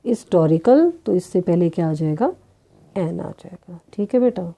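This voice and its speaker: A woman's voice: lowish voice, gravelly, dark tone, breathy edge. A woman teaching a grammar lesson who talks patiently, asks her students questions and answers them herself, and calls them children. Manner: spells out sounds slowly.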